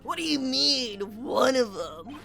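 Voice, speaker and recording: A woman voicing an excitable young man who shouts and protests loudly as she reads a game aloud. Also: on the high side, measured pace, gravelly, music in the background. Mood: indignant shouting. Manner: shouting, indignant.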